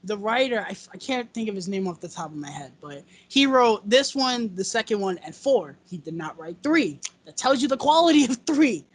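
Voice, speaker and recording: A guest on a casual movie chat over a video call, talking excitedly, laughing often and acting out quoted lines. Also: medium pitch, normal speed, few pauses, breathy edge.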